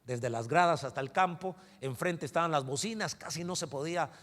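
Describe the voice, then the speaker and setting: A man, a pastor telling a story in a sermon and building to loud climaxes, recorded at a conference. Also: fairly high pitch, brisk. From Guatemala. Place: large conference hall. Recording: reverberant conference hall.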